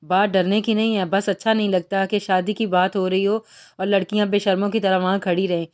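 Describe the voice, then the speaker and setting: A woman's voice: medium pitch, flat delivery, brisk, close to an everyday voice. A woman reading the part of a shy, sulky young woman about to be married. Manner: soft, shy.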